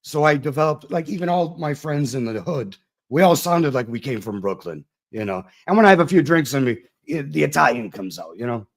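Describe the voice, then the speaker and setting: A man's voice: mid-range voice, animated, fairly quick, hardly any pauses. A man from Toronto, Canada, chatting casually as an actor guest, easygoing and agreeable. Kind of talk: casual chat.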